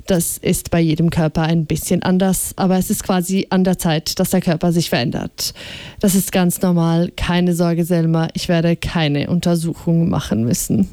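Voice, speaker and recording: A woman's voice: on the low side, steady tone, measured pace, dark tone, clear, resonant tone, no echo, close to an everyday voice. A woman reading aloud and voicing a big, friendly male pediatrician who explains things in a soothing way. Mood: explaining. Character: big, calm, kindly male children's doctor.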